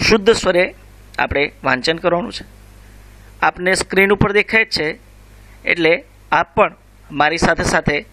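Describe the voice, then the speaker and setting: A man, teaching a school revision lesson, reciting and explaining slowly and carefully. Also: high-pitched, bright, forceful tone. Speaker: Sanskrit teacher.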